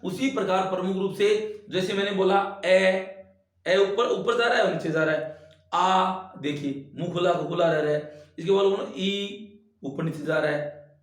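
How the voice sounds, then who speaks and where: In a classroom lesson on vowel sounds, a male teacher with a high-sitting voice demonstrates instructively, repeating and stretching out the vowels. He sounds distant from the mic in a very echoey room.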